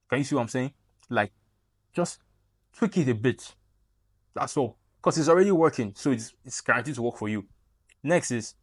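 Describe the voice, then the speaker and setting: With studio-quality, dry audio, a young man with a Nigerian accent and a medium-pitched voice delivers a jokey, animated YouTube tutorial directly to his viewers, peppered with playful asides.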